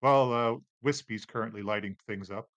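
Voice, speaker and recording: A man with a lowish voice runs a tabletop game, describing scenes in a relaxed, halting way full of fillers. The sound is dry and close, with no room around it. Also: no echo. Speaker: game master.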